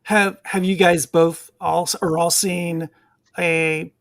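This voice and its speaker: A man's voice: fairly high pitch, level tone, slow pace, fairly bright tone, no echo, clean studio sound. A man hosting a casual live online chat, asking rambling questions that he corrects as he goes. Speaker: show host.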